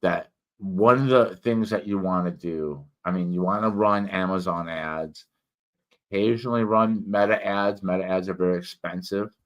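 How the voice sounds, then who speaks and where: A man with speech slightly thickened by a swollen mouth, giving a casual, rambling review and personal update in a halting way, often repeating and correcting himself. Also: low voice, a bit bright, muffled recording. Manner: halting, with repeated words and many self-corrections. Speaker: host, reviewer and writer.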